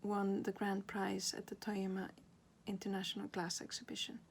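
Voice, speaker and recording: An Icelandic glass artist presents her work reflectively, often pausing to search for words, in a mid-range voice with a totally flat delivery at normal speed. The recording is very roomy, with a distant mic and background noise.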